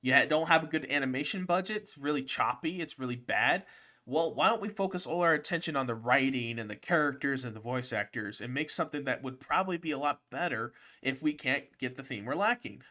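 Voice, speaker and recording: A man co-hosting a casual live stream chat, rambling and crude, getting animated when he jokes. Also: medium pitch, brisk. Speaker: podcast co-host.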